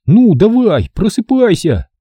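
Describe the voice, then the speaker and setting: Man doing a young boy, insistent, shouting, storybook reading, dry close recording. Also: sits high, sing-song, measured pace, breathy edge, no echo, pitched above the performer's own voice, heavily acted. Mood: urgent. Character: urgent young boy trying to rouse a friend.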